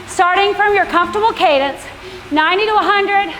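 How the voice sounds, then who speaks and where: A woman's voice: extremely high pitch, fairly quick, a bit bright, slight background noise. A woman indoor cycling coach leading a workout with encouraging, projected cues and countdowns. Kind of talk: workout class instruction with countdowns. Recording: echoey room with music playing. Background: workout music.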